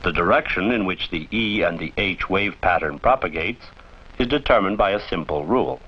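In a deep male voice with a slightly breathy edge, a narrator delivers an instructional film using animated, shifting intonation. His phrasing is formal, measured and teacherly. The audio resembles an old training film, dull and short on detail.

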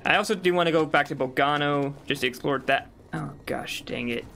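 A man's voice: fairly high pitch, a little fast, creaky. A young man casually commenting on his own gameplay, talking to himself as he plays. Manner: relaxed, talks to himself as he plays. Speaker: gaming channel host. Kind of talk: casual let's-play commentary. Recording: game music under the voice. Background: game music.

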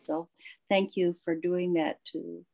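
A woman's voice: fairly low pitch, little pitch movement, takes it slowly, vocal fry, a little mellow, low-quality recording. A woman participant on a video call, speaking appreciatively and restarting her sentences often. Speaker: webinar participant. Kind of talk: webinar comment.

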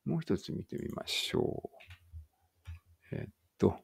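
A man teaching an English read-aloud lesson in casual speech, thinking aloud and correcting himself, and reading the English lines slowly and carefully. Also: no echo.

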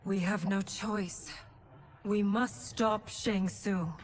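An actress playing a regal, heartfelt warrior empress in a video game, earnest and softly dramatic. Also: female voice, medium pitch, steady tone, takes it slowly, a little hiss or hum, close to an everyday voice. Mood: resolute. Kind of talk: video game cutscene acting.

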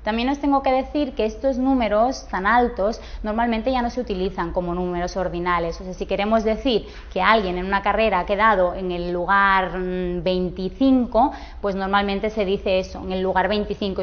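A woman with a Spain Spanish accent, a teacher explaining at a whiteboard in a clear, patient way and speaking straight to her viewers. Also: mid-range voice, fairly even intonation, a little fast, hardly any pauses. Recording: dull lo-fi sound.

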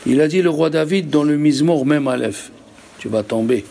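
A rabbi teaching a religious lesson to a live group, emphatic and full of rhetorical questions. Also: male voice, fairly high pitch, moderate pace, creaky, dark tone, a little hiss or hum.

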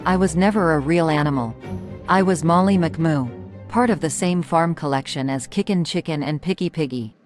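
A woman's voice: sits low, normal speed, darkish tone, soft background music, natural voice. A woman voicing a resentful, overlooked cow toy in a dramatic cartoon. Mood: bitter.

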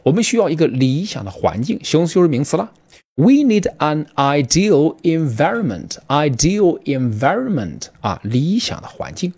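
Male teacher, animated delivery, quizzes students in a quick vocab lesson. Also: a little high, husky. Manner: lively, addresses students directly with quick questions. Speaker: English teacher.

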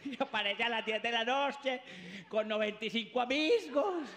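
A man does a stand-up comedy routine, animated and full of ironic asides. His voice is high and bright. It carries a long reverberant stage tail over faint noise. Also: moderate pace.

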